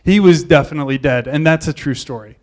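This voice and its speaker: A man giving a conference keynote, telling lively stories and acting out the people in them. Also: a little high, quick pace. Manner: animated storyteller, acts out quoted voices. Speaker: conference speaker. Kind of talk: storytelling keynote talk.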